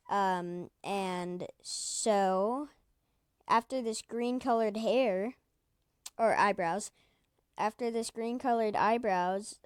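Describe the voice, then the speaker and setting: Woman, unhurried rambling recap full of fillers, clean smooth tone. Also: on the high side, dry recording, clean studio sound. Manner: rambling, hesitant, many fillers. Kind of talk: casual recap of a video.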